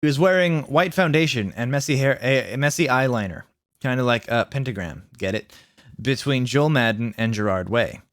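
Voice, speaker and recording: A video host reads fan fiction aloud with theatrical flair, occasionally tripping over the words and tossing in ad-libbed asides. His medium-pitched voice has lively intonation and a normal pace, captured in a clean studio with no room sound.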